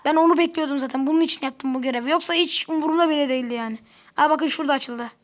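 A woman's voice: high voice, rapid-fire. A woman giving casual let's-play commentary, chatty, grumbling and talking to the characters on screen. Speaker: gameplay commentator.

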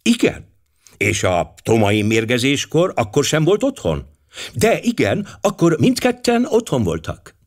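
A man's voice: mid-range voice, huge pitch swings, pitched above the performer's own voice. A man voicing a worried American mother, speaking earnestly and pleadingly. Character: anxious American mother, middle-aged woman.

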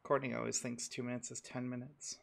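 A man's voice: medium pitch, flat delivery, fairly quick, vocal fry, a bit bright. A man co-hosting a live gaming stream, chatting casually, laughing and swearing as he reacts to the game. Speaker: streamer co-host.

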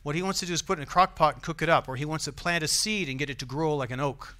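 American guy preaching in church, bright forceful voice, a bit high, keeps asking the room questions. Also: rapid-fire. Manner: conversational preaching, asks the congregation questions. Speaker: pastor. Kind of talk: sermon.

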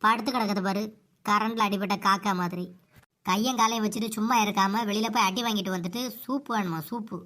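A woman's voice: medium pitch, fairly even intonation, fairly bright tone, lightly acted. A woman doing a sly cartoon daughter-in-law. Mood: gleeful. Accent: Kanyakumari Tamil. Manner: mocking, quick-tongued. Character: scheming young daughter-in-law, gleeful.

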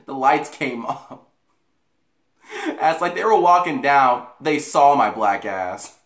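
Slow-paced and mid-range, with a bit of brightness, a young American man's voice drifts through a casual story to camera, repeating itself and full of swearing. He's recorded in a small bedroom indoors by a camera mic a few feet away, and the room is echoey.

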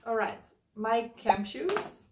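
A woman's voice: a little high, big pitch swings, slow pace, heavy background noise. Woman in her 30s talking thru packing her hiking bag, step by step, echoey room, mic kinda far off. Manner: chatty, explains step by step while packing. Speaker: hiking vlogger. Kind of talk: casual how-to walkthrough. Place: living room, indoors. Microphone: camera mic from across the room. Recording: roomy, slightly distant camera sound.

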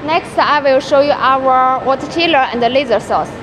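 A young woman in her twenties presenting a welding machine, talking haltingly with many restarts. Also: high voice. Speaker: product presenter. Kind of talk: product demonstration in English. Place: large factory workshop. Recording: noisy factory floor.

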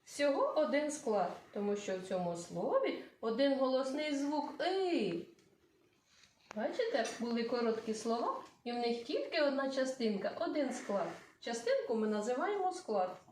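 Woman teacher, children's lesson, sing-song, very slow, high lively voice, echoey room, distant mic, faint noise. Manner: slow, sing-song, drawing words out syllable by syllable.

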